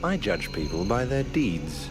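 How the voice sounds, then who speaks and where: Lively, sardonic elf archer. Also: male voice, lowish voice, a little slow. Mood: wry, confident. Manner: sarcastic, mocking, articulate. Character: sardonic, haughty elf archer with taunting wit. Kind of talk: video game character acting. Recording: music behind the voice.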